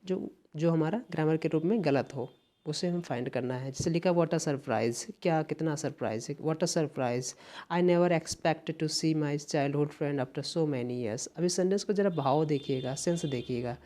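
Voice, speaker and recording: With a fairly high, warm voice and a slightly slow delivery, an Indian-accented man teaches English for competitive exams. Patient explanation and repeated key phrases mark his lesson.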